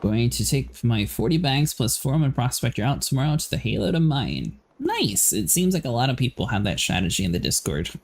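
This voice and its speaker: A man's voice: mid-range voice, big pitch swings, fairly quick, few pauses, darkish tone. A man hosting a livestream, chatting casually about a game, laughing often and filling his talk with "like". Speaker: livestream host. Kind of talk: casual gaming chat.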